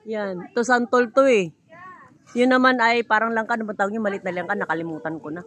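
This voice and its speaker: Speaking fast in a mid-range voice, this middle-aged Filipino-accented vlogger walks viewers through a rural yard she's filming on her phone. She keeps the chat casual and laughs a lot.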